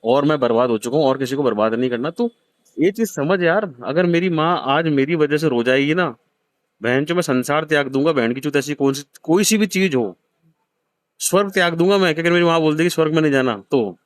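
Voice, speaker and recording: A man's voice: a little high, a little fast, clear, resonant tone, no echo. A man in his thirties, hosting, gives a blunt, profane scolding to a gambler in a harsh heart-to-heart lecture. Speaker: host counseling a gambler.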